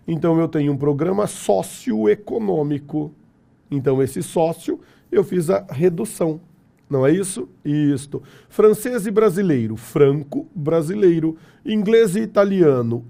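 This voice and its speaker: A Brazilian man lecturing a class in an unhurried, deliberate way. His voice is very dark and mellow, though it sits a little high for a man. He keeps it lively and jokey, tossing rhetorical questions at the room. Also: creaky. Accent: Brazilian Portuguese. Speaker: teacher.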